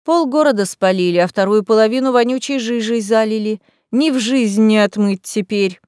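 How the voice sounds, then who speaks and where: A woman voicing a spiteful, shrieking middle-aged mother in a storybook reading, high and sharp. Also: moderate pace, smooth, no echo, clean studio sound, close to an everyday voice. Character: spiteful shrill middle-aged mother, town official's wife.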